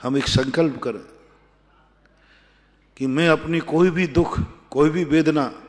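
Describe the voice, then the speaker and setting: Jain monk preaching in a reverberant hall. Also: male voice, on the high side. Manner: emphatic, repeats phrases with pauses. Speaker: Jain monk giving a discourse. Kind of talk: sermon.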